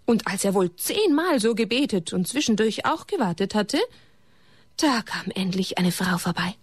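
Gentle woman reading a children's story. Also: medium pitch, animated, moderate pace, husky, no echo. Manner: gentle, addresses listeners as children, sometimes whispers.

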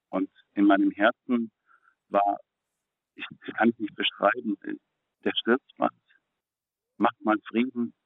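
A man's voice: fairly low pitch, no room sound. Earnest middle-aged man on a phone line. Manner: earnest, halting, repeats words when moved. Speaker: guest. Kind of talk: personal faith testimony. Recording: phone-like, narrow and dry.

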